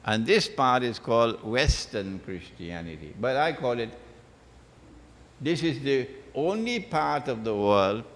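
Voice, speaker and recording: A man's voice: medium pitch, sing-song, unhurried. Emphatic man lecturing in a hall. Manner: emphatic, repeats phrases, recites Arabic verses. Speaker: Islamic lecturer. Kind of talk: religious lecture. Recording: long hall reverb.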